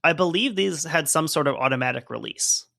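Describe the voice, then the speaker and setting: A man's voice: fairly high pitch, animated, fairly quick, creaky, bright, forceful tone, no echo, studio quality. A man co-hosting a podcast, reading from a report and chatting casually with lots of fillers. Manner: conversational, hedging with fillers while explaining. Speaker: podcast co-host.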